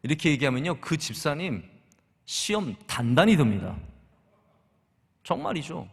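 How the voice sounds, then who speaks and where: A man's voice: on the high side, sing-song, moderate pace, gravelly, breathy edge. A middle-aged man preaching a sermon as pastor, talking conversationally and asking the congregation rhetorical questions. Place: church sanctuary. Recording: long church hall reverb.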